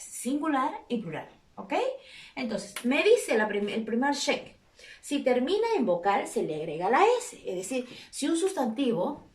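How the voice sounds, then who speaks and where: A woman's voice: on the high side, distant mic. A woman teacher giving a recorded grammar lesson, patiently checking in with her students through frequent tag questions. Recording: echoey room, speaker away from mic.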